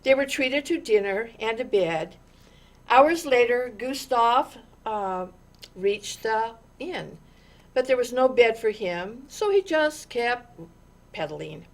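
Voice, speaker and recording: At storytime, a woman narrates a picture book for kids in a fairly high voice. She takes her time, speaking with great deliberation, pausing dramatically and leaning expressively on the important words.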